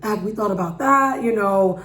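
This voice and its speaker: In an echoey room with a faint hum behind her, a woman talks casually to her viewers. Her voice is a little harsh as she pushes it louder to be heard. She is informal and slangy, often turning to rhetorical questions. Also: mid-range voice, moderate pace. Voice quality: slightly harsh from raised voice. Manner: speaking loudly to be heard. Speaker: vlogger giving opinion. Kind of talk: casual opinion monologue to camera. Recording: roomy echo with background hum.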